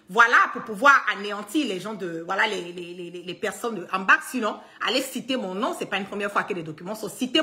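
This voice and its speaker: A woman's voice: on the high side, sharp tone. A woman talking casually to her followers in a video, emphatic and insistent, often stopping to restart and filling gaps with small filler words. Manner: heavy use of fillers and restarts. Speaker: online political commentator.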